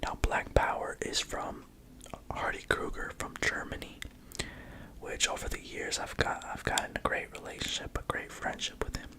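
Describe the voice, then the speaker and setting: Someone whispering asmr narration real hushed, like telling u a secret, no voice just breath. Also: normal speed, rough recording. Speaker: racing pigeon keeper presenting own birds.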